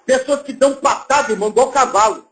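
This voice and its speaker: Male Brazilian pastor, high lively voice, roomy church sound. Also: fast talker, faint music behind. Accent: Brazilian Portuguese. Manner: lively preaching, acts out little scenes and voices. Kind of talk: sermon.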